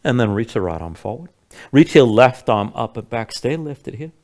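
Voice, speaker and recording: A man's voice: medium pitch, big pitch swings, moderate pace, a little mellow. A man instructing a yoga class, giving step-by-step cues in a casual, informal way.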